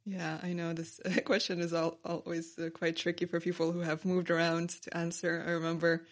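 A woman hosts a relaxed interview with a slightly low voice. She is friendly and chats through her own asides before moving to her questions. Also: moderate pace. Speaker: interview host. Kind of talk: conversational interview.

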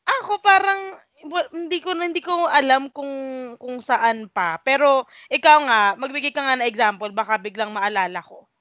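Filipino woman in her 20s, podcast cohost, lively storytelling, slightly high voice, dry close mic. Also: moderate pace, no echo, rough recording. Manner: animated, acts out quoted dialogue. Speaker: podcast co-host. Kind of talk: casual storytelling chat.

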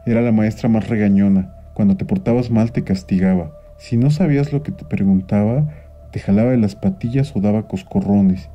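A man, reading a children's story aloud in an expressive, animated way. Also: lowish voice. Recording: dull lo-fi sound with faint music.

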